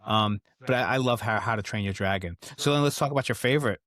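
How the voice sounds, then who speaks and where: A middle-aged man with a Bronx accent interviews his son in a casual chat, offering easygoing questions and brief replies. He talks fast in a fairly low but somewhat bright voice.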